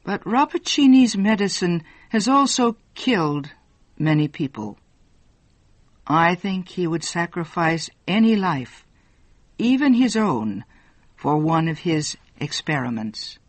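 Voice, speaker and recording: List: narrator doing grave old professor, slow and deliberate, lively pitch, dry close sound. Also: no room sound.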